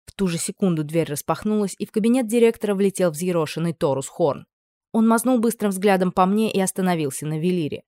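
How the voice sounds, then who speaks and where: A steady audiobook narrator telling a first-person story with dramatic weight at a middle pitch. The voice is recorded close and dry, with no room sound around it. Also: fast talker, no room sound.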